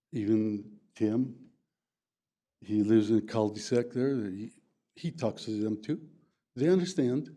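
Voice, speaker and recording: At a county board meeting, a resident steps up for public comment: an older man from the former USSR who grew up speaking Plattdeutsch. He speaks haltingly in English, with many fillers and broken grammar. His voice is dark in tone and mid-range in pitch.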